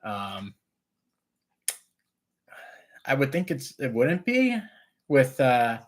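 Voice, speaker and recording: A man's voice: mid-range voice, huge pitch swings, takes it slowly, slight background noise. A man with trouble saying his R's, which sound like W's, chatting casually and answering viewer questions as a rambling, easygoing live stream host.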